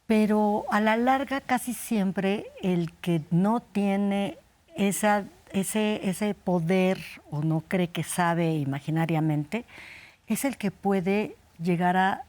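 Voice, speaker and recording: A woman's voice: mid-range voice, slow, darkish tone. A woman speaking as an expert guest in a studio conversation, thinking aloud and restarting sentences. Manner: thoughtful, restarts mid-sentence.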